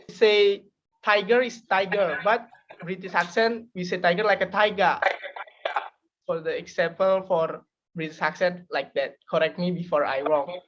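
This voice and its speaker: A young woman giving a class presentation, pausing and correcting herself often. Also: on the low side, muffled recording, slight background noise. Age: young adult. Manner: hesitant, self-correcting. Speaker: student presenter.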